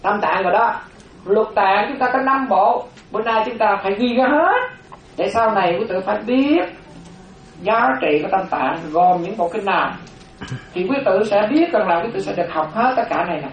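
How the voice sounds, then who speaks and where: A Buddhist monastic teaching a dharma class, slowly repeating terms for note-taking, with chatty asides. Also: mid-range voice, lively intonation. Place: classroom with a board. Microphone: distant room microphone. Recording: roomy, distant, dull lo-fi room recording.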